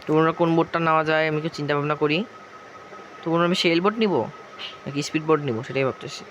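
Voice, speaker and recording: Gaming YouTuber, male, Bangladeshi Bengali accent, hoarse, rambling and quick, slightly high voice, noisy traffic behind. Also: fairly even intonation, a bit bright. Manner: rambling, chatty, keeps circling back with the same filler. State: hoarse from a cough. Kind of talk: casual gameplay commentary.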